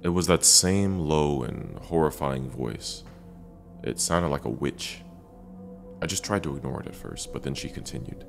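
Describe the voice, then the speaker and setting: A man narrating a first-person scary story in a dramatic way with deliberate pauses. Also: a bass voice, vocal fry, over music.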